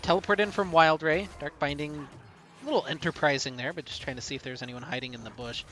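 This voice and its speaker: A young man casting an esports match, chatty between plays and calling the action fast when fights break out. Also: on the high side, soft background music. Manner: rises to fast excited calls in fights; chatty, laughs between anecdotes. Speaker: esports caster. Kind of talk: play-by-play game commentary.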